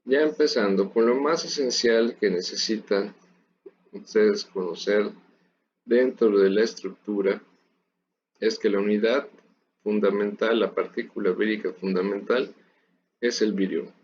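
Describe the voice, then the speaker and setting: A man's voice: lowish voice, steady tone, a little slow, pauses often. A man giving a recorded university lecture, explaining steadily and speaking directly to his students. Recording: dull lo-fi audio with faint noise.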